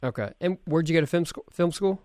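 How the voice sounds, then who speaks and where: A man's voice: a little high, fast, darkish tone, no room sound. A man hosting a podcast, chatting casually and rambling with many fillers. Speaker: podcast host.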